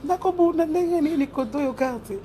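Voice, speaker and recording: A woman with a high voice chats on a live stream, calling out viewers' names and answering their comments. She is animated and laughs often. A faint noise sits under her voice. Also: normal speed. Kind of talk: casual live chat, switching between Lingala and French.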